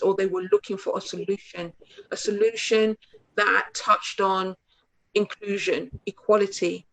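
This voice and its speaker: A woman's voice: mid-range voice, creaky, fairly bright tone, rough recording. Earnest woman host, emphatic repetition. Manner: earnest and emphatic, repeating phrases. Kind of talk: conversational interview.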